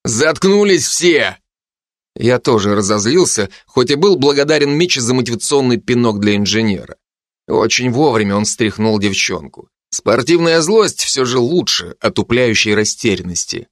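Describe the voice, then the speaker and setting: A man narrating a first-person fantasy audiobook, his voice mid-pitched and steady. He reads in clipped phrases, and the recording is close and dry with no room sound. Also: normal speed, no room sound.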